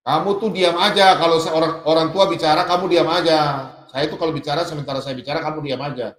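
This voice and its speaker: A man doing a rude older caller who barks and interrupts, his voice shoved up high and blaring. He is overbearing and won't let anyone speak. The sound rings in an echoey room. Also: steady tone, very fast, close to an everyday voice. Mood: barking. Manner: barking, bossy, shouting down.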